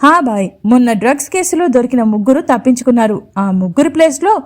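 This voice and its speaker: A woman's voice: on the high side, lively intonation, fast, natural voice. A woman voicing a corrupt male police officer who barks orders brusquely. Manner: brusque, commanding. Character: male police sub-inspector, rough and corrupt.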